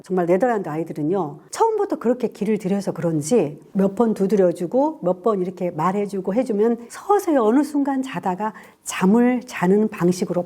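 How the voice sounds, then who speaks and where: An older Korean woman lecturer, telling a parenting story to camera in a lively, animated way with asides to the listener. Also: on the high side. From South Korea.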